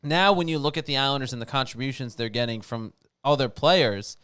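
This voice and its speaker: Co-host, New York man, smooth resonant voice, rambling and dry-witted. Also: mid-range voice, a little fast, a bit bright. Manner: dry wit, rambling, self-correcting. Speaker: podcast co-host. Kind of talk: hockey talk show chat.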